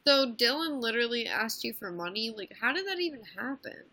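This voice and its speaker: Bright-voiced woman in her twenties. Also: a little high, very animated, brisk, no echo, rough recording. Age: 20s. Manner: blunt, swears freely, squeals in disgust. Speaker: livestream host. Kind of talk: casual livestream chat.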